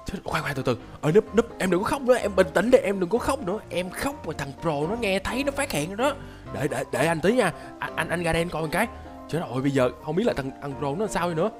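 Young man, high voice, rapid excitable gameplay narration, faint music behind. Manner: excitable, jittery, repeats words. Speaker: gaming YouTuber.

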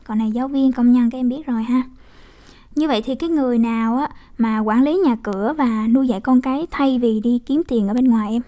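Mellow Vietnamese woman teaching English. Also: on the high side, quick pace. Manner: explanatory, with frequent tag questions. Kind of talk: exam walkthrough lesson.

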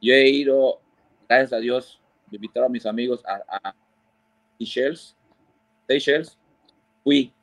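In a storytelling interview, a Mexican man who works as a fishing guide recounts fishing stories animatedly, imitating the people he quotes. His mid-range voice moves at a normal speed. The audio is poor, with no room sound.

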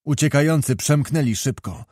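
Guy reading an audiobook, even unhurried telling, dry close sound. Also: fairly high pitch, dry recording. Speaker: audiobook narrator. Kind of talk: scripted audiobook narration.

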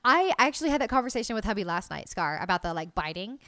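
Streaming indoors from her home room, this late-twenties woman talks casually and cheerfully with viewers in live chat, cursing without restraint. Her mid-range voice is very animated, fast and a bit bright, picked up by a headset and an arm-mounted desk mic.

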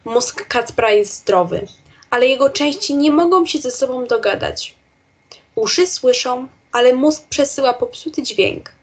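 A patient, gentle father from a storybook explains things calmly and slowly, read by a woman. The voice is a little breathy and sits somewhat high. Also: full character voice. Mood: explaining. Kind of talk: storybook reading.

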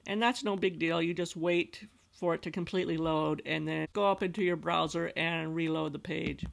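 A woman calmly narrating a screencast tutorial as an instructional designer, patiently explaining each step. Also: lowish voice, normal speed, creaky. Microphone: voice-over recorded over screen capture.

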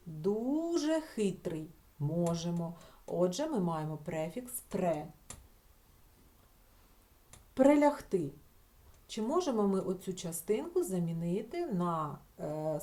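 A woman teacher explaining a grammar lesson, patient and slowing down to sound out each example word. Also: on the low side, warm tone.

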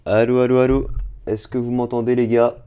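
A man's voice: mid-range voice, level tone, a little fast, warm tone, clear, resonant tone. A young man, chatting casually to viewers on a live stream while unboxing. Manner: chatty, talks to chat directly. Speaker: drawing streamer.

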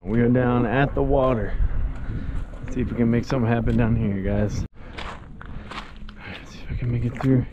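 Clear outdoor noise surrounds a young American man with a mid-pitched voice, caught on a handheld camera. He narrates his fishing vlog casually, in a laid-back, slangy style. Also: steady tone, a little fast, dull audio. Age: young adult. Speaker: fishing vlogger. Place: outdoors at a river and bridge. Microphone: handheld action camera at arm's length. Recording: clearly noisy outdoor action-camera audio.

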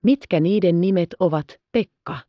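A woman voicing an excitable, tender-hearted little orphan girl in an audiobook, exclaiming and pleading. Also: lowish voice, dry recording, dull audio, natural voice. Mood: awed excitement. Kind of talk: audiobook character reading.

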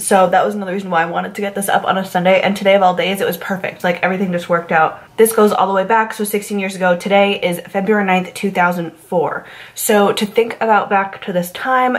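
A young woman from Massachusetts telling a true crime story to camera in a casual, rambling way, full of likes and you knows. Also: medium pitch. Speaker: YouTube true crime host.

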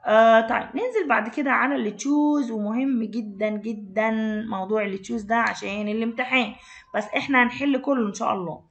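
A woman's voice: medium pitch, gravelly, muffled recording. A woman with an Egyptian Arabic accent teaching an online English lesson, explaining words in Arabic and asking her students questions. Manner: calls her students "my dears".

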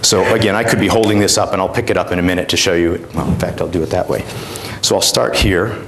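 Middle aged guy doing a conference demo, deep-ish voice, kinda halting and informal. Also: fairly even intonation, background noise. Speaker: presenter demonstrating a product. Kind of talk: conference product demonstration talk. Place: indoor conference room, on stage.

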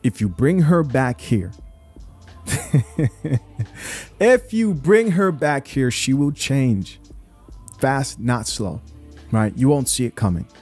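A man's voice: mid-range voice, lively intonation, slow, pauses often, darkish tone, slightly rough, faint music behind. Blunt Zambian-born man hosting a podcast. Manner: blunt, emphatic, addresses viewers directly. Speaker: podcast host. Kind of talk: opinionated commentary. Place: small home studio room, indoors. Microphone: close studio mic, wearing headphones.

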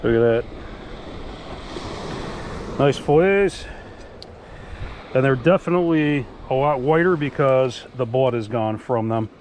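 On a sandy beach beside the surf, a middle-aged fishing vlogger narrates a casual video, upbeat and enthusiastic as he speaks to the camera. His mid-range, slightly mellow voice is slow and often pauses, captured by a head-mounted action camera with clear surf noise.

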